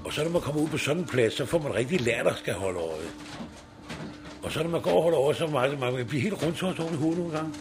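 A man's voice: on the high side, animated. A man in his sixties, a recycling site worker, talking casually in an interview and rambling with tag questions.

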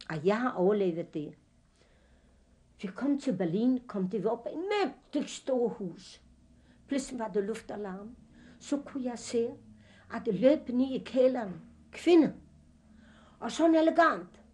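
Older woman, halting speech. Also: a little high, darkish tone. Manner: halting, with fillers and slips of grammar. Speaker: witness recounting her past. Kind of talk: personal testimony.

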